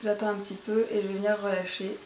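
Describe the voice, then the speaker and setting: A woman's voice: mid-range voice, flat delivery, fast talker, a little mellow, slight background noise. A woman with a posh French accent talks through a hair tutorial, hesitating and correcting herself with many fillers. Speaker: beauty vlogger. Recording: echoey room, mic at a distance.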